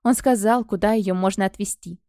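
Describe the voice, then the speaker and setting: A woman's voice: mid-range voice, a little fast, dark tone, dry recording, clean studio sound, close to an everyday voice. Woman voicing a frantic ruined merchant man. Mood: pleading. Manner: frantic, rasping, pleading. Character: desperate ruined middle-aged male merchant.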